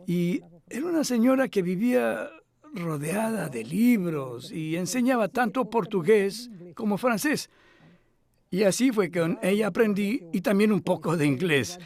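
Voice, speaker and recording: Being interviewed, an older man speaks unhurriedly and reflectively, dotting his answers with hesitant fillers. His voice is high-pitched and gravelly, with a slightly mellow quality.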